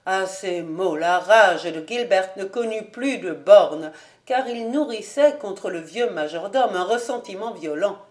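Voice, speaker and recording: A woman reading a classic novel aloud as an audiobook narrator, in a lively, expressive reading style. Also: medium pitch, measured pace. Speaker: audiobook reader. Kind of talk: storybook narration.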